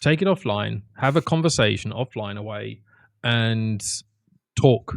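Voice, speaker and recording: A man's voice: on the low side, a little slow, gravelly, dry recording. A man co-hosting a casual podcast chat, talking emphatically and restarting his sentences when worked up. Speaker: podcast co-host.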